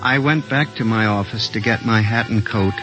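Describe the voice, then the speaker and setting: Speaking at normal speed in a voice on the low side, a man takes the role of a hesitant, earnest statistics clerk, a timid middle-aged figure, while also narrating. The setting is a 1950s radio drama with an old broadcast sound, captured in a muffled lo-fi recording with music underneath.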